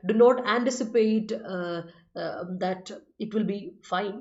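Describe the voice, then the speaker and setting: A woman's voice: medium pitch, very slow, a little mellow. Woman English teacher, patient and explanatory, reads and corrects learners' sentences; roomy, slightly muffled recording. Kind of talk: online vocabulary lesson. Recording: roomy, slightly dull audio.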